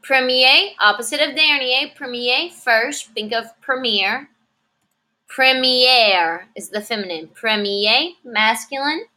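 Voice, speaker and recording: A woman teaching French adjectives, saying each word slowly and repeating it, then explaining in English. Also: high voice, bright, forceful tone. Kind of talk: slow, clearly enunciated language lesson.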